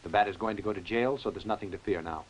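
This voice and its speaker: A man's voice: lowish voice, quick pace, close to an everyday voice. A man playing a firm, reassuring suitor and father in a dubbed old horror film, speaking in a soothing, insistent way. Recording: hissy, noisy old film soundtrack.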